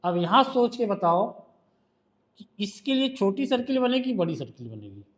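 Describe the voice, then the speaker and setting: High-voiced male shorthand tutor. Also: very animated, normal speed. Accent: Hindi. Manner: patient, quizzing the student with questions. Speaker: shorthand teacher. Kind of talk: one-on-one tutoring.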